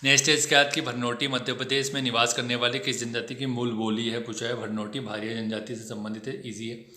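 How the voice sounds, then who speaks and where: A man teaching an exam-prep lesson in a brisk, chatty way, often checking in with his students. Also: medium pitch, level tone, bright, forceful tone, reverberant. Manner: brisk, chatty explaining with frequent "ठीक है" check-ins. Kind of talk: test discussion lesson.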